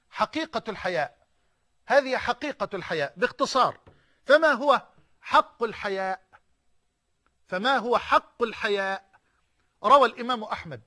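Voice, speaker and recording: A man's voice: high voice, pushed and bright. A middle-aged man with an Egyptian accent preaching a sermon, fervent and repeating phrases for emphasis, mixing formal speech with colloquial asides.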